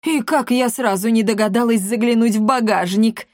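A woman voicing a loud, hot-tempered female commandant who shouts and coos by turns. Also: medium pitch, animated, measured pace, dry recording, studio quality, lightly acted. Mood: angry, outraged. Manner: shouting, then cooing sweetly.

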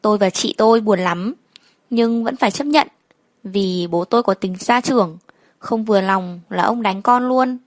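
A woman's voice: medium pitch, normal speed, no room sound. Woman telling a first-person story.

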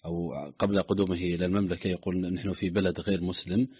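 A man's voice: sits low, level tone, fast, husky. A man hosting a religious call-in radio show, formal and polite as he passes on callers' questions. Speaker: radio host. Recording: narrow-band radio broadcast.

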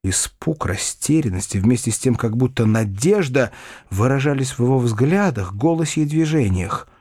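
A man narrating classic fiction in an expressive literary reading. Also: mid-range voice, normal speed, dry recording, clean studio sound. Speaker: audiobook reader.

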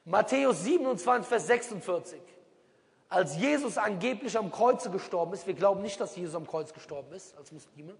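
A man preaching on stage in a lively, argumentative sermon style, full of rhetorical questions. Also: high-pitched, fairly quick, creaky. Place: stage in a large venue. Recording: long hall reverb.

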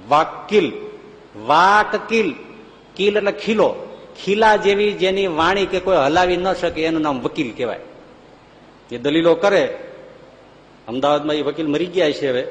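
A man giving a spiritual discourse, telling humorous anecdotes in an animated way. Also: on the high side. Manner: animated, anecdotal, jumps into voices. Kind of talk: sermon with humorous storytelling. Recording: long hall reverb, faint background noise.

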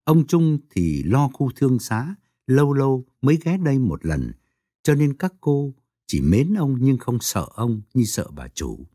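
A male storyteller reads an audiobook tale with a wide, swooping pitch. His voice is dark and slightly husky, recorded close and dry with no room sound. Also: very animated, unhurried, no echo. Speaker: narrator.

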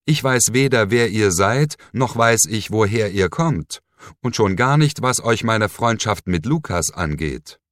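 A man's voice: low-pitched, very animated, takes it slowly, dry recording, clean studio sound, heavily acted. A man voicing a frightened but defiant young woman held captive, in an audiobook reading. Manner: breathless, pleading, then defiant.

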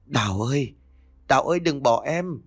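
A man's voice: medium pitch, lively intonation, moderate pace, slightly rough, dry recording, clean studio sound, voice pushed up. A man voicing a frightened young girl from a wealthy house who pleads and weeps. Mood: pleading, tearful. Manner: pleading, tearful.

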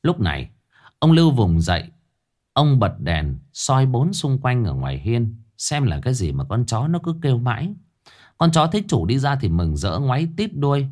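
A man's voice: mid-range voice, very animated, moderate pace, darkish tone. A man narrating a horror story in a vivid, dramatic way.

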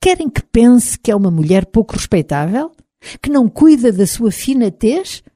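A woman's voice: fairly high pitch, sing-song, moderate pace, dark tone, dry recording, studio quality, voice pushed up. A woman with a European Portuguese accent reading a stern, fussy Irish ship's cook who insists on propriety. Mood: insistent. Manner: scandalized, insistent.

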